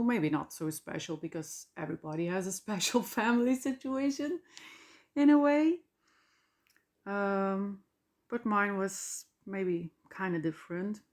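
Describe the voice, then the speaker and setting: A woman's voice: mid-range voice, a little mellow. A woman in her forties from the Flemish part of Belgium, speaking English with a Flemish Dutch accent as a podcast host, rambling and correcting herself with fillers. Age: 40s. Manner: rambling, self-correcting, with fillers and small laughs. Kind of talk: casual solo podcast monologue.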